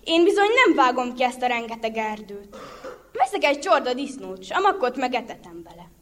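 A woman's voice: on the high side, sing-song, a bit bright, slight background noise. A woman voicing a cheeky poor young man telling a king ever bigger tall tales. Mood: sly. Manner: sly, boastful tall-tale telling. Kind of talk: folk tale reading.

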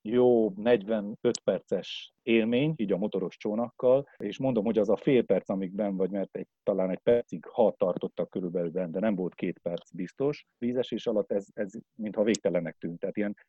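A man's voice: lowish voice, few pauses, slightly rough, no room sound, muffled recording. A man who works as a tour guide tells a travel story in a casual way, hesitating often with filler sounds and restarts.

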